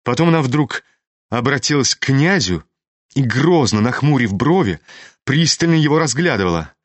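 A man narrating a classic novel as an audiobook, reading in a steady, even-paced way into a studio microphone. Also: mid-range voice, normal speed, no room sound.

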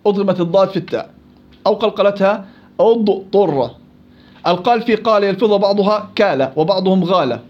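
A man teaching Quran recitation rules to students in a classroom. He corrects them, repeats syllables to demonstrate each sound, and recites verses slowly. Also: high-pitched. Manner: slow, drawn-out recitation of verses. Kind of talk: tajweed lesson with students. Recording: dull lo-fi recording.

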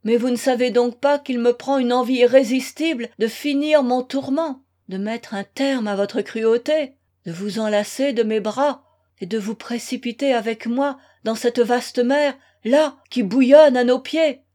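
Read by a woman, a desperate young man in a storybook pleads with anguished passion. His words come slow and heavy, in a slightly high register. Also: darkish tone, close to an everyday voice.

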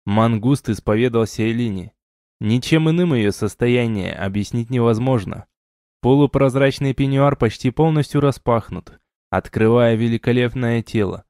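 A man narrating a first-person fantasy audiobook in a measured, even reading. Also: medium pitch, dry recording, studio quality. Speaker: audiobook reader.

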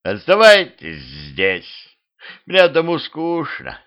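A man voicing a gloomy talking skeleton stuck in a tree, speaking slowly with drawn-out, ominous words, on a dull lo-fi home recording. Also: mid-range voice, big pitch swings. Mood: mournful.

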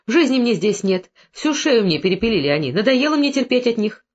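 A reader voicing a stubborn young peasant woman who answers in sharp, defiant retorts, in a slightly muffled audiobook recording. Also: medium pitch, big pitch swings, a little fast.

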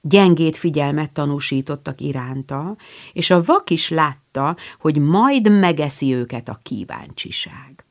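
A woman narrating a classic novel as an audiobook, measured and expressive. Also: low-pitched.

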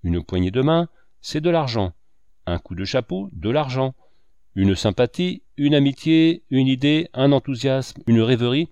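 Man reading a sardonic, declamatory older cynic, lively pitch, dry booth. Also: a little slow, clean tone, no echo, muffled recording. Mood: lecturing. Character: lecturing older male cynic, sardonic talker.

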